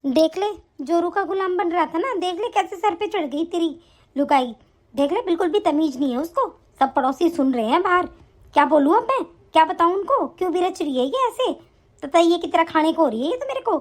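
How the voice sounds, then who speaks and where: A woman voicing a stern older mother-in-law in an animated story, with a harsh, nagging delivery pitched below her own voice. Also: a little fast. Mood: scolding.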